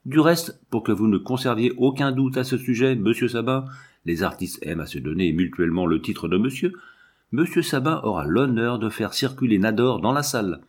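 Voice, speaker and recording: A pompous fairground showman addressing his crowd in grand, flowery phrases, as a male storyteller puts him on. He declaims at a middling pitch, puffed up with false dignity. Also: expressive, normal speed, breathy edge.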